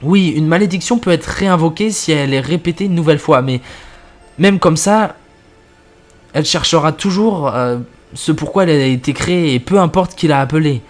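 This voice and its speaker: A man reading the lines of an elderly woman who explains old curses in a calm, measured way, in a scripted horror story. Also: on the high side, soft background music, natural voice. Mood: grave.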